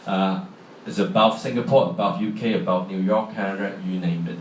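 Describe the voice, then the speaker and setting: A middle-aged man with a Hong Kong accent gives a chatty public talk in a large hall, putting questions to the audience. His deep voice holds a steady tone at a brisk pace, with slight background noise. The recording is echoey and distant, with faint ambience.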